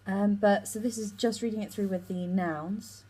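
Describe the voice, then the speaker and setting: A woman's voice: mid-range voice, fairly even intonation, dark tone, husky, low-quality recording. A young woman, a drama student, chatting about her monologue for class. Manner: chatty, with many ums and quick run-on sentences. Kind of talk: casual talk about her acting class work.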